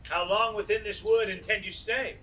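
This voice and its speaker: A man's voice: high-pitched, fairly even intonation, moderate pace, bright, forceful tone. A man acting a proud, jealous fairy king in verse on stage, with a hammy, declamatory Shakespearean delivery. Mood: demanding. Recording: roomy, distant, noisy stage recording.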